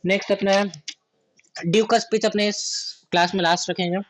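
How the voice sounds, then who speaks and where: A male teacher giving a chatty classroom literature lesson who keeps asking students about doubts and reads verse very slowly. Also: high-pitched, fairly even intonation.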